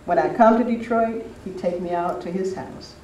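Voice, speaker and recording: This is an older man at a spiritual retreat, chatting anecdotally to an audience as he looks back on the past. His high voice is a little mellow and moves at a moderate pace. The highs are cut off, and the distant mic captures a roomy sound with faint noise.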